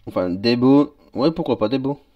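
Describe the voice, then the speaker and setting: Relaxed chatty man on a lo-fi stream. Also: medium pitch, moderate pace. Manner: relaxed, chatty, talks to other players and chat. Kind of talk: casual live-stream chat while playing.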